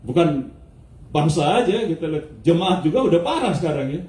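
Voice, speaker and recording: A male pastor preaches from some distance in an echoey church hall, his high voice animated, mellow and fairly quick. He keeps throwing rhetorical questions at the congregation and mixes English into the sermon.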